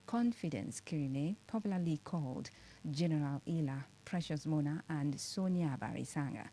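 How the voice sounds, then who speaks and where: A woman with a Nigerian accent reading a scripted radio news bulletin in a formal, deliberate manner. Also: sits low, mellow, rough recording. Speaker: radio newsreader.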